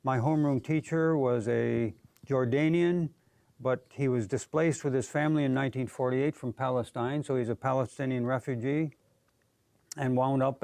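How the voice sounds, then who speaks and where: A man's voice: mid-range voice, vocal fry, a little mellow, dry recording. An American man in his sixties, a community activist guest, speaking earnestly and measuredly in a TV studio interview. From United States. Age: 60s.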